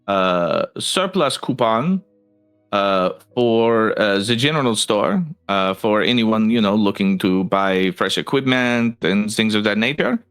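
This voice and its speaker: A fussy, folksy guild leader rambles through instructions full of hesitations, as a man plays him at a raised pitch. The voice has a gravelly edge. Soft music plays underneath. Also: expressive, a little slow. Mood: businesslike.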